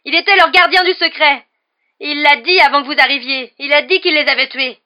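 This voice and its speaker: A woman's voice: sits high, steady tone, a little fast, pitched above the performer's own voice. Harry, a hot-headed teen wizard, as a woman puts him on. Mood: shouting. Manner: shouting in outrage. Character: teenage boy wizard, hot-headed and furious. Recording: dull muffled audiobook recording.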